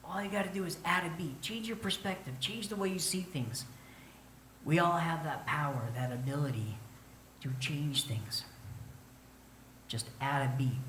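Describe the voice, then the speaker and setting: A middle-aged man from northern Arizona telling his own story in an earnest, halting way, with many pauses and fillers. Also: mid-range voice, reverberant, a little hiss or hum, poor audio. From northern Arizona, United States. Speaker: Navajo flute musician telling his story. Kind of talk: personal storytelling to an audience.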